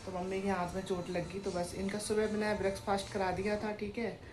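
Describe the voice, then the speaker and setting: A woman's voice: medium pitch, flat delivery, a little fast, music in the background, poor audio. A young woman filming a casual home vlog, chatting and rambling straight to the camera on a clip-on mic indoors. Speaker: vlogger.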